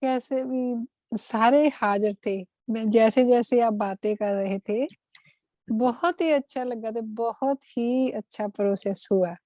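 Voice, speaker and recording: A woman participant on an online group call, sharing her experience in a warm, effusive way. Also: on the high side, takes it slowly, no room sound. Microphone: video call.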